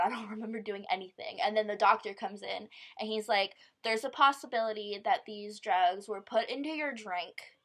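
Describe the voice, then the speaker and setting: A young woman telling a personal story to camera in casual vlog style, with lots of "like" and swearing. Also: mid-range voice. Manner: casual, swearing, quoting others in her own voice; filler-heavy, lots of "like". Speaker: vlogger.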